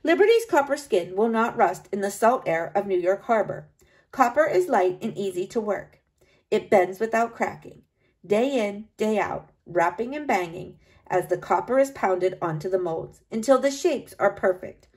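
In a mid-range voice at a moderate pace, a woman reads lightly acted storybook narration, steady and descriptive, as a diligent, observant woman assistant in a sculptor's workshop.

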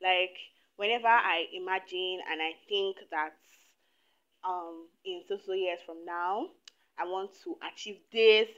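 A chatty young woman from Nigeria talks to her camera with a crisp, bright tone. She is lively and loves to tell stories. Her voice comes through a clip-on mic in a small room, and the sound is a little dull. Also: medium pitch. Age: 20s. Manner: chatty, animated, laughs often. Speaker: YouTuber. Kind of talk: casual chat to camera. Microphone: lapel mic.

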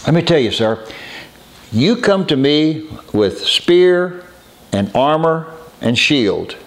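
A man voicing the young shepherd boy David, high, incredulous and defiant. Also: big pitch swings, slow pace, heavily acted, rough recording.

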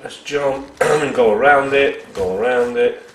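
Excitable man narrating his gameplay. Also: medium pitch, measured pace, slight background noise. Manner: excitable, thinks aloud, repeats himself. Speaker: gaming commentator. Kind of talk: casual let's-play commentary. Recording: roomy echo.

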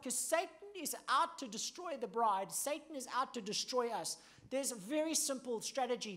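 With a very high male voice, a pastor from South Africa preaches emphatically and punchily, shifting between loud moments and hushed asides while regularly checking in with "okay?" and "right?".

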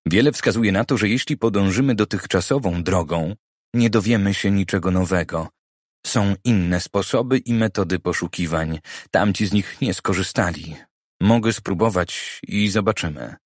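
A man voicing a cautious, clever private detective who talks in a measured, persuasive way, in an audiobook. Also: low voice, dry recording, clean studio sound.

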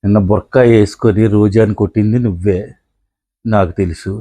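Low-voiced Telugu-speaking husband in a skit. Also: male voice, fairly even intonation, brisk. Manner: shouting and scolding, then muttering to himself. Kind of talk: scripted comedy sketch.

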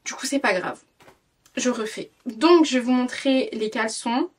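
Here the parenting vlogger from France, a weary woman in her 20s, uses a slightly high voice with lively intonation at a moderate pace. She's recorded from a distance while casually talking through a clothing haul, restarting often and leaning on fillers.

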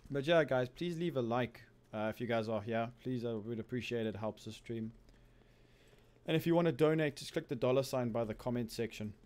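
A man with a Zimbabwean accent giving casual, excitable live commentary on a game he plays, chatting with viewers. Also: medium pitch, brisk. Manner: casual, excitable, laughs often, calls viewers bro. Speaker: streamer.

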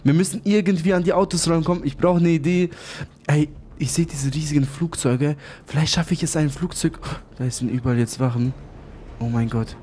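Excitable young gaming commentator. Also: male voice, fairly high pitch, fairly quick, slight background noise. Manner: excitable, repeats exclamations. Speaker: gaming YouTuber. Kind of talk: role-play game commentary.

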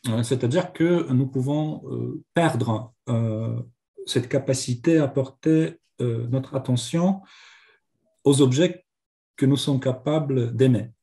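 A seminar speaker with a Polish accent gives a hesitant academic lecture over a video call from his home office, with many fillers. He has a cold, and his medium-pitched voice is creaky and dark at a slow pace.

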